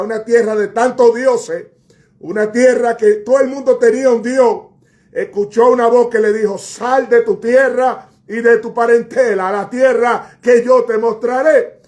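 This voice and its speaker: A male preacher with a strikingly high voice. He delivers a fervent sermon, repeating key phrases and calling out to God again and again. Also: a little mellow.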